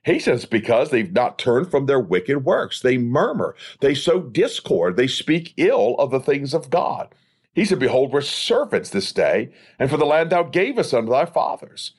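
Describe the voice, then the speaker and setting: With a mid-range, breathy-edged voice and big pitch swings, the evangelist speaks at a moderate pace. His expository sermon, delivered as a podcast host, is emphatic and rhythmically repetitive.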